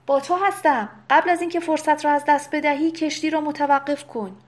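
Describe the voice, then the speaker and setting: A woman reading aloud, voicing a harsh male nobleman who shouts urgent demands and calls for punishment. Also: sits high, fairly even intonation, voice pushed up, close to an everyday voice. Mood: urgent shouting.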